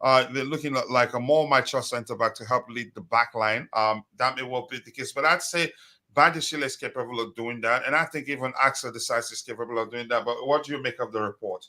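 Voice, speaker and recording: A man with a mid-range, sharp-toned voice hosts a casual live stream for football fans. He speaks haltingly and repeats himself, and his voice sounds slightly strained, as though he is losing it.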